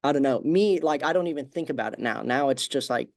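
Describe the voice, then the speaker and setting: A man hosting a podcast, talking casually and relaxed with many fillers like "like". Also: mid-range voice, fast talker, vocal fry, no echo, clean studio sound. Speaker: podcast host. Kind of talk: casual conversation.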